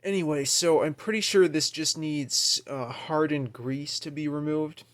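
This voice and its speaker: A fairly high, slightly bright male voice comes across steady and a little slow. The speaker, an amateur video maker, gives an informal, unplanned demonstration of equipment in a carpeted room at home, musing as he goes and sounding a little tentative.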